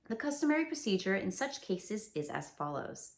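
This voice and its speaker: A woman's voice: medium pitch, big pitch swings, moderate pace. A woman voicing a pompous, long-winded male owl. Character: pompous wordy male owl, self-important.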